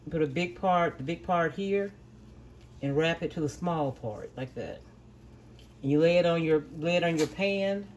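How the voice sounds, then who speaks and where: A woman's voice: low-pitched, normal speed, darkish tone. Middle-aged woman, home cooking vlog host; firm with the dogs, plain step-by-step talk; faint dog noise behind. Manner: firmly scolds barking dogs, then explains steps plainly. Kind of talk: casual cooking demonstration. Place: home kitchen with dogs nearby.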